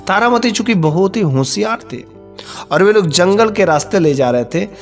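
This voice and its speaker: A male storyteller tells a folk tale in a homespun way and often repeats himself. His voice is gravelly and sits a little high. Faint music plays underneath. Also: animated, normal speed.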